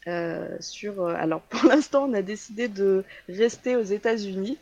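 A woman's voice: mid-range voice, moderate pace, darkish tone, no room sound, dull audio. A woman hosting a casual talk show, chatting with many hesitations and fillers as she introduces a haunted place. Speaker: host.

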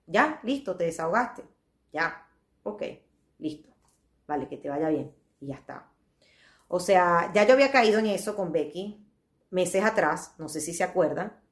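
Low-voiced woman musing aloud. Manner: repeats phrases, addresses listeners directly. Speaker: podcast host. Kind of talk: casual reflective monologue. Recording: roomy echo.

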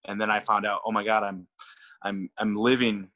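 In casual podcast conversation, a man who works as a throwing coach repeats himself and stammers, laughing easily along the way. He speaks at a moderate pace with a flat delivery and a lowish voice that is pushed and bright.

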